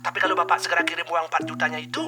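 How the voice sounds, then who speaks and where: Puppet-show role: quick, bossy fake policeman, played by a man, gamelan underneath. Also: a little high, flat delivery, over music, natural voice. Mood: pushy. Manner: impatient, pressing, bossy. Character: pushy male scammer posing as police.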